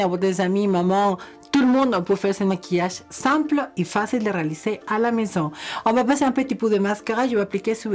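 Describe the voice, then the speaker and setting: A woman's voice: medium pitch, darkish tone. A young woman with a non-native French accent, chatting through a makeup tutorial and speaking fondly to her viewers with gushing exclamations. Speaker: beauty vlogger.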